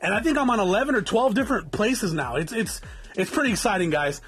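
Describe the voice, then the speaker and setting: This forties-aged podcast host from Southern California talks off the cuff at his home in the desert, stuffy-nosed and meandering. He speaks fast in a high, expressive, fairly bright voice with a husky texture, cursing liberally and doubling up on words.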